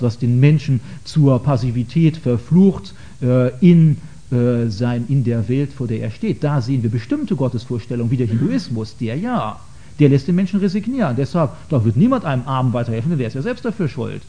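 A man giving a lecture on faith to an audience, earnest and hesitant, often pausing with filler sounds. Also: mid-range voice, warm tone. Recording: dull lo-fi recording.

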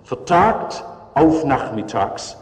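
Dramatic preacher in an echoing hall. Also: male voice, medium pitch, very animated, slow. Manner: vivid dramatic storytelling, acting out voices. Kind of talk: sermon. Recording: echoey church hall with long reverb.

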